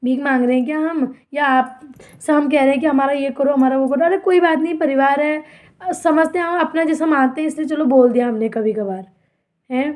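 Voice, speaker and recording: High-voiced young woman, aggrieved. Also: a little fast, a little mellow. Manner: aggrieved, pleading and defiant, repeats phrases. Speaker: vlogger. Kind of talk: emotional direct-to-camera rant. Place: outdoors in front of a temple.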